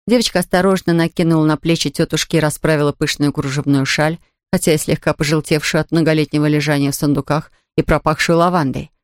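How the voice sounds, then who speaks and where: A woman narrating an audiobook in an even, expressive storytelling manner. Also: sits low, fast talker, no room sound, clean studio sound. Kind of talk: scripted narration.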